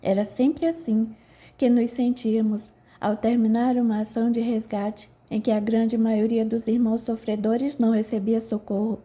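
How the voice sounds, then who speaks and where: A woman narrating a spiritual audiobook in a steady, measured reading. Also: on the high side. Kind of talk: scripted narration.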